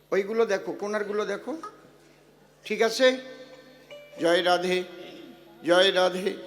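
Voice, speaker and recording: An older man, a devotional singer, doing a stage sound check and giving the crew bossy running orders into a handheld mic. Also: sits high.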